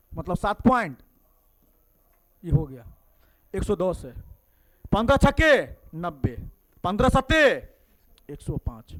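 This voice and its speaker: A man's voice: sits high, fairly bright tone. A man with a Bihari Hindi accent teaching a math class, coaxing students with constant questions in a classroom.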